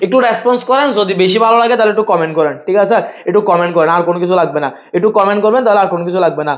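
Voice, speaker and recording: A man's voice: high-pitched, lo-fi sound. A man teaching an accounting class live online, firing off questions and repeating himself. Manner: rapid-fire, repeats himself and quizzes students.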